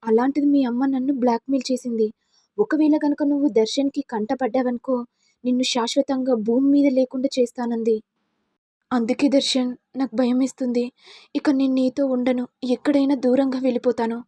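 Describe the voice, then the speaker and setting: Woman reading a scheming young woman, pleading and self-pitying, slightly high, husky, dry sound. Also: steady tone, moderate pace, mellow, no echo.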